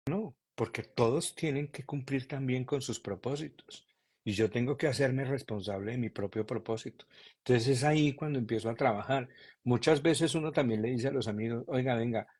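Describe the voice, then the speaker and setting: Husky-voiced guy, earnest and calm, trails off and restarts a lot. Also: medium pitch. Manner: calm, earnest, repeats himself while searching for words. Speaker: guest. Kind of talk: reflective conversation.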